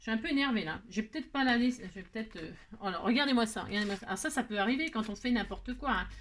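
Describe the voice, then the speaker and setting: A woman's voice: on the high side, lively intonation, quick pace, a bit bright, a little hiss or hum. A woman hosting a crafting tutorial, chatting playfully and talking to herself while she works. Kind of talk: casual craft tutorial talk.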